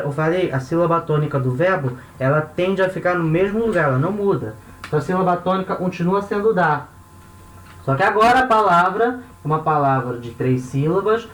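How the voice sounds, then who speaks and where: A man with a Brazilian accent teaching a recorded online lesson, patiently repeating words slowly and checking in with short questions. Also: high voice. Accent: Brazilian Portuguese, Rio de Janeiro. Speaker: language teacher. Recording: echoey room.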